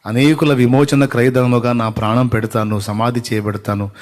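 A man voicing the risen Lord gently questioning a weeping mourner. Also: mid-range voice, level tone, normal speed, long reverb tail, close to an everyday voice.

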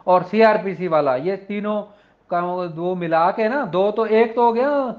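Teaching law in a casual lecture, a Pakistani-accented man with a voice that sits high alternates between explanation and slow readings of legal English. The recording sounds dull and lo-fi.

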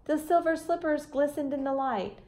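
A woman in her thirties gives an expressive read-aloud of a children's storybook indoors in her front room, with teacherly asides along the way. Her voice is high and a little mellow, at a normal speed.

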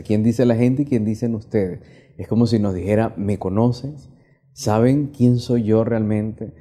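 A man in his thirties, a priest, reading the gospel and preaching a homily in a measured, teaching way with repeated questions to the congregation. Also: lowish voice, warm tone. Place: small indoor chapel.

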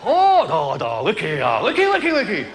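A comedian voicing an excitable male restaurant owner who babbles the same nonsense syllables over and over. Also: sits high, moderate pace, reverberant, a little hiss or hum, exaggerated voice. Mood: gleeful. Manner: gleeful, jabbering, repetitive.

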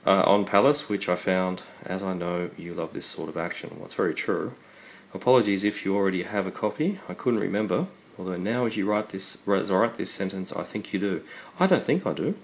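Low-voiced Australian man with a cold. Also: fairly quick, hardly any pauses. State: congested voice from a cold. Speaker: video host. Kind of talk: casual unboxing commentary. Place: indoors at a computer desk. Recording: steady background noise.

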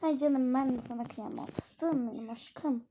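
A woman playing a gentle mother in a toy role-play game. She speaks softly and tenderly in a high, light voice. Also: unhurried, noisy background. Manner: hushed, tender, soothing. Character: soft-spoken loving mother.

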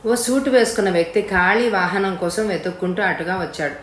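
A woman's voice: mid-range voice, fairly quick. Woman narrating a story, echoey room. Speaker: audiobook reader. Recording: echoey room with faint hiss.

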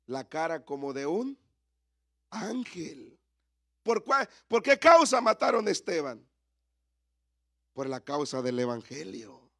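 A man in his thirties preaches at a church service, his voice sitting a touch high. He keeps turning to the congregation with rhetorical questions and calls for their response. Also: big pitch swings, slow pace, long pauses, fairly bright tone. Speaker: pastor. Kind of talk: sermon.

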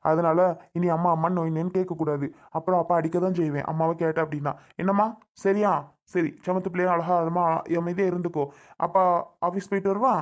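A man's voice: sits high, steady tone, muffled recording, lightly acted. A man playing a stern, impatient father who lectures and threatens his small daughter. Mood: lecturing. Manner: lectures and threatens in fast, irritated talk.

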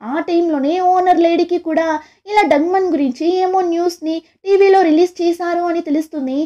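A woman's voice: very high voice, a little fast, dark tone. A woman retelling a drama's plot in a chatty, casual narration, mixing in English words. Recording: dull lo-fi recording.

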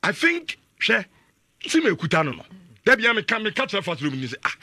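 A man with a Ghanaian English accent co-hosting on radio, bantering lively at a studio mic and mixing in local words. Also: sits high, fairly quick, no echo. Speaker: radio co-host. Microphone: studio mic with headphones.

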